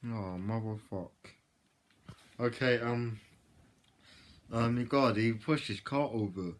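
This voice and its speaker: A man hosts a casual reaction video, rambling with the same filler phrases, swearing freely and erupting into sudden loud outbursts. His voice is medium-pitched and he takes his time.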